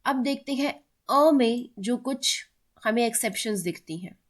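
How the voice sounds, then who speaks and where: Brief: Indian woman teacher, a bit high-pitched, explaining grammar, mixes Hindi with English, says examples slowly. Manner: mixes Hindi and English, checks in with "ठीक है", slows down to read examples aloud. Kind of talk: explaining grammar in a classroom-style lesson.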